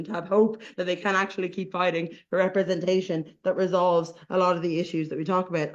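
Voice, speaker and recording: A man's voice: high-pitched, highs cut off. A man with an Irish accent giving a competitive debate speech, informal and repetitive, with many fillers and restarts.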